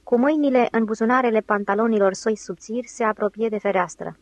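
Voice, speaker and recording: A woman narrating an audiobook in a measured, even storytelling manner. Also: fairly high pitch, no echo, poor audio. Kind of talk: scripted narration.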